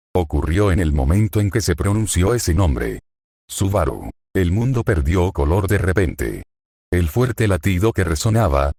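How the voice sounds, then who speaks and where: Deep deep voice guy reading a fanfic, dry close sound, steady pace. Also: dry recording. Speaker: fanfic reader. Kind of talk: scripted narration.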